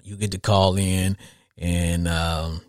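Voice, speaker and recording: With a low, level voice and an unhurried delivery, this middle-aged podcast host from the southern United States talks sports casually. His style is folksy and meandering, leaning on repeated phrases for emphasis, captured in studio quality without any room sound.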